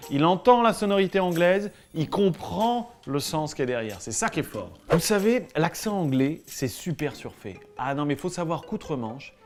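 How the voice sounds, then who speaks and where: A man playing a cocky, bluffing high school English teacher in a comedy sketch, deadpan and self-assured, mixing French with French-accented English. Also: moderate pace, hardly any pauses, faint music behind. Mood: smug.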